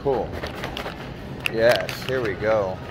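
A man's voice: fairly low pitch, extremely slow, over music. An American man who runs a retro game store, talking casually to camera while out shopping, with crude, joking banter. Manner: relaxed, crude, boastful joking. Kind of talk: casual vlog narration. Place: store, parking lot and supermarket.

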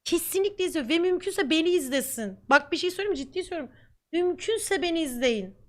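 A woman's voice: very high voice, expressive, quick pace. A woman streamer reacting to comments in a blunt, defiant and talkative way.

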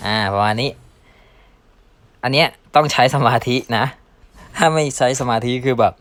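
A man's voice: mid-range voice, normal speed, fairly bright tone, no room sound. A man casually explaining a mobile game move by move, chatty, calling out taps with sound words and swearing at his own slips. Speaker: game tutorial host. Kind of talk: casual gameplay tutorial. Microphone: phone mic.

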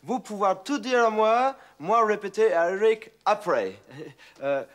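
An actor playing a bumbling man who speaks halting pidgin French and stammers, in a sitcom. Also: high voice, expressive. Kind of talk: sitcom acting.

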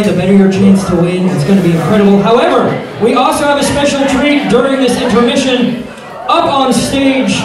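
An American man hosting a live stage show, announcing to the audience in a casual, showy, hyped-up way. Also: high voice. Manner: casual, showy, swearing hype. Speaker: burlesque show host. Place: small theater stage, indoors. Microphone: handheld microphone through PA, filmed from the audience. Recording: echoey hall from far off, audience noise. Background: crowd noise.

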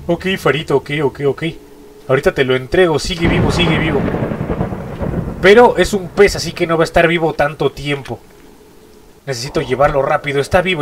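Stuffy-nosed Mexican gamer, jumpy. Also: male voice, fairly high pitch, noisy background. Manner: jumpy, repeats short exclamations. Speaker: gaming YouTuber. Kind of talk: horror gameplay commentary.

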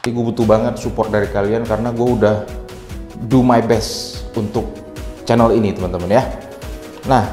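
Recorded in an echoey, empty room of his new rental with faint music behind him, a tired man chats casually to viewers as friends while giving a room tour. His voice is lowish and mellow.

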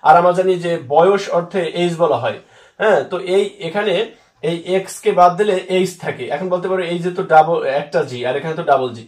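A man's voice: sits high, quick pace, darkish tone, echoey room, distant mic. A man teaching English spelling to students, patiently repeating words and spelling them out letter by letter.

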